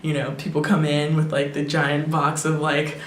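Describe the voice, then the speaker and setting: A woman's voice: sits low, completely flat delivery, moderate pace. Chatty young woman vlogging in an echoey room. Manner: chatty, many fillers, laughs often. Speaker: English teacher and vlogger. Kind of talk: casual talking-head vlog. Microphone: camera microphone. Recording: echoey room with faint noise.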